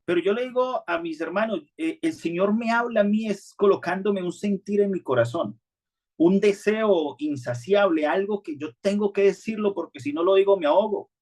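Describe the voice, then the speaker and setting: Man, pastor, sermon, earnest conversational delivery, somewhat high voice. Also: normal speed, darkish tone. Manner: earnest, conversational preaching with many restarts.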